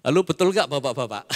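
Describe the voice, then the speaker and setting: A middle-aged male pastor preaching an animated sermon, addressing the congregation with asides and emphatic bursts. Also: a little high. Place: church hall. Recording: long church hall reverb.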